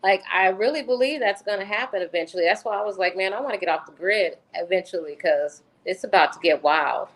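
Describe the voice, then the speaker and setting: A woman's voice: medium pitch, fairly quick, few pauses, rough recording. Emphatic woman in casual chat. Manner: emphatic, repeats herself. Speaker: podcast co-host.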